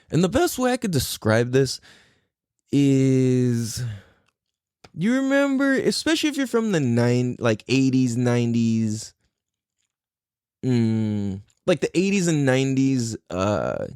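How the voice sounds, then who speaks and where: A man's voice: mid-range voice, sing-song, unhurried, darkish tone, smooth, no echo, clean studio sound. A man from the United States in his thirties, hosting a podcast and telling a long story in a rambling, profane way, laughing often. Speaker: podcast host. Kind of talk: casual storytelling monologue.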